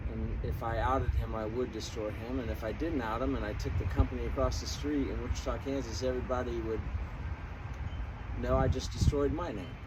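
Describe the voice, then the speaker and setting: An American man giving a casual motivational talk in a conversational, folksy manner, like a coach. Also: medium pitch. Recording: distant mic, noisy outdoor traffic ambience.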